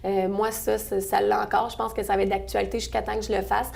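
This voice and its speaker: A woman in her twenties from Quebec's Sorel-Tracy region speaks with a Québécois French accent as a guest on a local interview, representing the chamber of commerce events staff. Her medium-pitched voice is flat, fast, gravelly and a little mellow. She's friendly, with many fillers and restarts.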